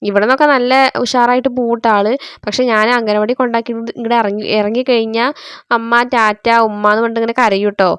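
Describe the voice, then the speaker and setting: A woman's voice: a little high, little pitch movement, fast talker, fairly bright tone, smooth, dry recording. A young woman from Kerala, a mother, narrating her family's day in a chatty voice-over and often tagging sentences with "you know". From Kerala, India. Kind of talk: casual voice-over vlog narration. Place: indoors, near a road with passing traffic.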